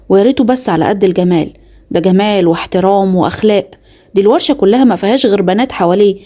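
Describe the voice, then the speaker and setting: A young woman with an Egyptian accent tells a first-person story at a very rapid pace. Her voice is dark and mellow, and her delivery is confiding and dramatic, like an inner monologue. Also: medium pitch. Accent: Egyptian Arabic.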